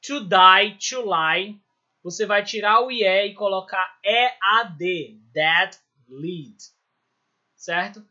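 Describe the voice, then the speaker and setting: A man's voice: sits high, slow pace, sharp tone, dull audio. A man with a Brazilian Portuguese accent teaching an English grammar lesson step by step, often checking in with his students. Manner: explains step by step, checking in with "certo?" and "beleza?". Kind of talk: recorded school lesson.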